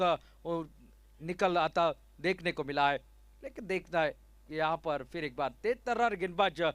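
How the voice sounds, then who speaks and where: A man's voice: a little high, a bit bright, no echo. A man with an Indian accent giving live ball-by-ball cricket commentary.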